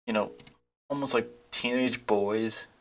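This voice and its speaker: Male commentator, mid-pitched, loose and scoffing, laughs through his takes. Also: steady tone, a little slow, a bit bright. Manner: rambling, mocking, laughs often. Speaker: YouTube commentator. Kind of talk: casual reaction commentary.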